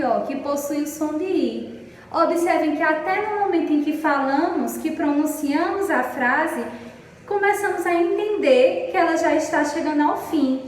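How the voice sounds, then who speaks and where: Brief: Brazilian woman teacher, high voice, fond and didactic with young pupils, recorded from a distance in a reverberant room. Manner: affectionate, slow and didactic, stretching example sentences. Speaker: primary school teacher. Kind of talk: recorded remote lesson for children. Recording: echoey room, distant mic, faint noise.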